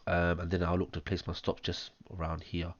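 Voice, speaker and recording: Brief: hoarse, low-pitched man, chesty cough, monotone chart walkthrough full of ums, close dull lo-fi mic. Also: brisk, no echo. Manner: talks step by step through wave counts, many ums. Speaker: trading analyst. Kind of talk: screen-share chart analysis. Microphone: close mic, audible breathing.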